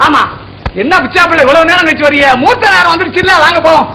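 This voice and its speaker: A man's voice: very high-pitched, quick pace, sharp tone, slight background noise, full character voice, poor audio. A bossy village father of the bride. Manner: talkative, bossy, self-important. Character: fussy boastful village father of the bride, middle-aged man. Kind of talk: 1960s film acting.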